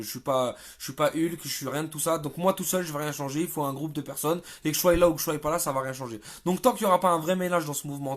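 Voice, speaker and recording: High-voiced male activist on a livestream, fed up, stumbling over repeated words. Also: fairly bright tone. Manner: halting, repeats words, exasperated. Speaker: protest activist. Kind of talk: livestream monologue.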